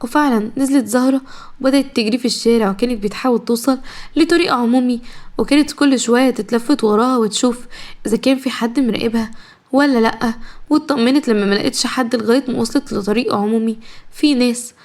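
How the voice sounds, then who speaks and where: An Egyptian woman narrating a dramatic story in a brisk storytelling manner. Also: fairly high pitch, a little mellow.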